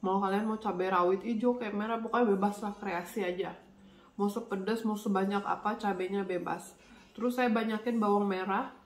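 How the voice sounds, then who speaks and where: A woman with a congested, stuffy-nosed voice from a cold chats casually as a vlogger and channel host during a mukbang meal, often talking between bites. Her mid-range voice stays steady at a moderate pace, and the recording has a roomy echo with faint background noise.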